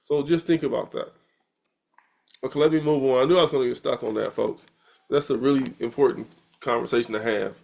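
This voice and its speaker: A middle-aged American man delivering a university lecture in an easygoing, conversational style. His voice sits at an ordinary male pitch, and he often doubles back on words, restarting phrases as he thinks aloud. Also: steady tone, brisk, gravelly, darkish tone. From United States. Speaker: university professor. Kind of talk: recorded lecture.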